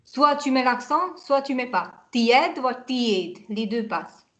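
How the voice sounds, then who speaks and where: A woman tutoring over a video call, her voice sitting a little high. She talks slowly and patiently, spelling out each word letter by letter. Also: animated. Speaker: Hungarian teacher.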